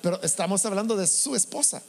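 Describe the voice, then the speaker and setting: Male preacher, high and very lively voice, echoing hall, mains hum. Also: quick pace, creaky. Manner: animated, rhetorical questions, acts out quoted voices. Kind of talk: sermon to a congregation.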